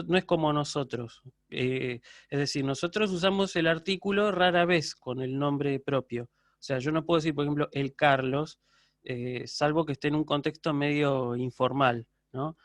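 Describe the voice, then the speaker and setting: A man's voice: a little high, dry recording, clean studio sound. A man with an Argentine Spanish accent, giving a university class online, explaining patiently and checking constantly that students follow. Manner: answers student questions live. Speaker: university lecturer.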